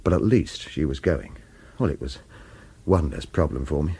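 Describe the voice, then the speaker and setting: An extremely low, gravelly, mellow and husky male voice, exaggerated and animated at normal speed, narrates a noir radio drama in the first person. He plays a watchful, brooding hitman, evasive but protective of his lover, with hesitant reassurance.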